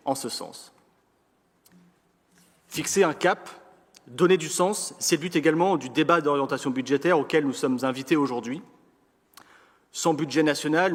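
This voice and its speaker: A man with a French accent from France reads a formal political speech as an elected councillor, in a measured, rhetorical manner with deliberate pauses. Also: fairly high pitch. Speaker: elected local councillor giving an opening speech. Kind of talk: formal political speech read from prepared text. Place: large council chamber. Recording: reverberant hall sound.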